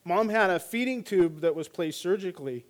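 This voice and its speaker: A man's voice: high-pitched, animated, normal speed. A middle-aged man, a hospice chaplain, giving a sermon with jokes and stories and many fillers. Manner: joking and storytelling with frequent fillers.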